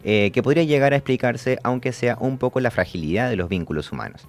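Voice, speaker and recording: A man hosting a psychology discussion, pausing often with fillers and restarts. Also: mid-range voice, soft background music. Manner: hesitant, many fillers and restarts. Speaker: podcast host.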